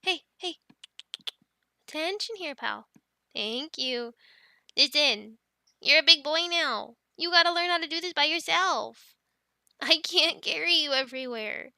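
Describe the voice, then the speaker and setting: In an audio roleplay, an amateur performer voices a cheerful young Viking woman who keeps dragons, using a high, bright, unhurried full character voice. Recorded in a clean studio with no room sound, she chats to the listener, explaining things and coaxing her animals with tender affection and fond exasperation.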